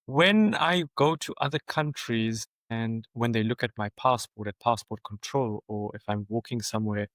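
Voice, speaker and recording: South african guy, guest on a chat show, lively storytelling, laughs a lot, dry close sound. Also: medium pitch, moderate pace, few pauses, no room sound. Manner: animated storyteller, laughs often while telling anecdotes. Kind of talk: casual interview storytelling.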